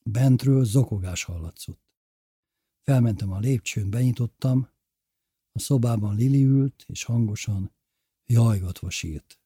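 Guy reading a story out loud, husky warm voice, dry close sound. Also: mid-range voice, long pauses, no echo. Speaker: narrator. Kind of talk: audiobook narration.

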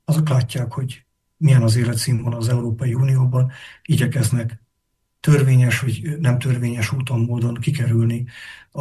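A man answering interview questions as a political analyst, speaking in a measured, explanatory way and pausing often to think. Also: mid-range voice, warm tone, breathy edge.

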